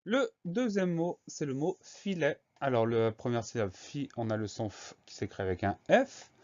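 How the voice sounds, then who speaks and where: A man's voice: mid-range voice, animated, normal speed, darkish tone, dull audio. A man teaching a spelling lesson, patiently spelling words out letter by letter.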